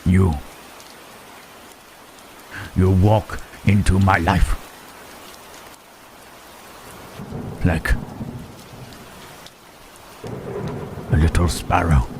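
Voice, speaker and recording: A man playing Frankenstein's monster as a lonely, gentle creature in intimate ASMR roleplay, halting and tender, with formal wording. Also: low-pitched, steady tone, noisy background. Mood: tender, wistful. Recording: rain and thunder behind the voice. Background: rain and thunderstorm.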